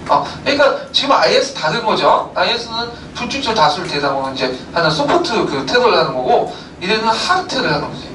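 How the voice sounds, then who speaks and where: A man's voice: high-pitched, pushed and bright. A man teaching a history lecture, explaining with rhetorical questions and many filler sounds. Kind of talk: recorded lecture. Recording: roomy, distant mic, faint background noise.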